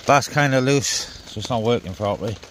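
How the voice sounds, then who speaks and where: Speaking at a fairly quick clip in a medium-pitched voice, this man chats informally to viewers as he works with his gear, tossing out muttered asides. He's a CB radio vlogger filming in a rainy forest camp, and the outdoor camera catches plenty of audible background noise.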